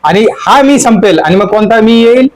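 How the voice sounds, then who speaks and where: High-voiced man preaching in questions. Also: animated, normal speed, a crowd in the background, rough recording. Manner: asks the audience question after question; repeats the song line again and again. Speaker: spiritual teacher. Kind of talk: sermon explaining song lyrics.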